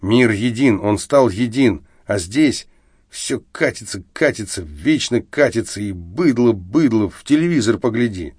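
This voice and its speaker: A man's voice: medium pitch, lively intonation, slow pace, no room sound, clean studio sound, pitched above the performer's own voice. A man voicing a drunk, bitter middle-aged academic who rants and slurs, slipping into lisping baby talk. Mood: bitter ranting. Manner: slurred, ranting drunk outbursts, lapses into lisping baby talk.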